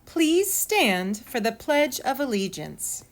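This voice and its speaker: Slow woman on a school intercom. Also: a little high, very animated, faint music behind. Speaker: announcer leading the school pledge. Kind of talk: slow, formal announcement.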